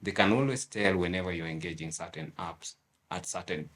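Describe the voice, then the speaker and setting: A man's voice: sits low, fairly quick, a bit bright. A man from Nairobi with a Kenyan accent, a guest talking in a casual, reflective way and mixing in Swahili slang. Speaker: guest entrepreneur. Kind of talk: casual interview talk.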